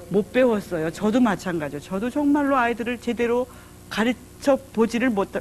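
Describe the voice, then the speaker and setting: A middle-aged woman giving a public lecture on marriage and parenting, telling stories with lively acted-out dialogue. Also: medium pitch, slight background noise. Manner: lively storytelling, acting out dialogue.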